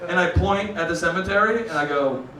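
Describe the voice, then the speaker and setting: A man's voice: sits high, fairly quick, heavy background noise. A young man performing a stand-up comedy set, talking casually, swearing and calling the crowd dude and bro. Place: comedy club stage before a laughing crowd. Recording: roomy live club sound from a distance.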